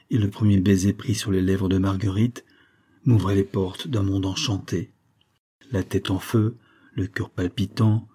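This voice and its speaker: A man narrating a literary story in a measured, expressive reading. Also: fairly low pitch, breathy edge. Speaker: audiobook narrator.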